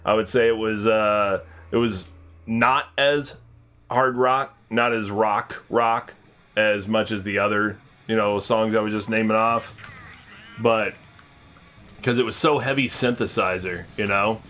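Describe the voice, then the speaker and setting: A man's voice: on the low side, fairly even intonation, a little slow, a bit bright, faint music behind. A man from America, a game streamer, chatting casually and rambling with many fillers while he plays. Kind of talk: casual chat while gaming.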